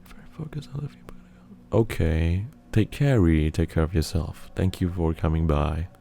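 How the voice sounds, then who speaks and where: A man's voice: low-pitched, normal speed, vocal fry, dark tone. A young man from Malaysia, reading a bedtime story ASMR-style and chatting relaxedly with viewers. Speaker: storyteller streamer.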